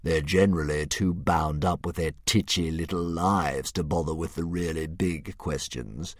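Huge gloating storybook dragon, put on by a man reading: very deep, slow, hissing menace, dry close mic. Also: fairly even intonation, no echo. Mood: menacing. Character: huge, sneering, menacing philosophical male dragon.

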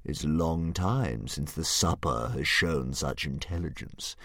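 A man voicing a huge, sneering, philosophical male dragon who speaks slowly and with relish. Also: very deep voice, fairly bright tone, no echo, studio quality, pitched below the performer's own voice, exaggerated voice. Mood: menacing. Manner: slow, relishing, hissing menace.

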